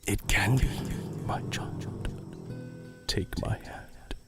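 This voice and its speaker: In an audio drama, a male actor voices a sinister, seductive Dark Lord spirit, speaking in a breathy, menacing whisper with drawn-out words. His mood is coaxing and seductive, and he is heard over loud music.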